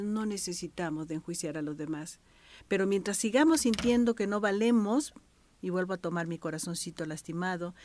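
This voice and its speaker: A woman in middle age with a Mexican accent leads a workshop on the radio, her voice sitting a little on the low side. She is expressive, dropping into soft whispers and then lifting into bright exclamations. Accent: Mexican Spanish. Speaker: thanatologist giving a workshop.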